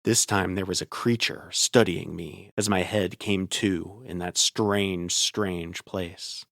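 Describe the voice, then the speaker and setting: A man's voice: low-pitched, steady tone, slow, vocal fry, a bit bright, no room sound, clean studio sound. A man narrating a first-person horror story in a tense, scripted way.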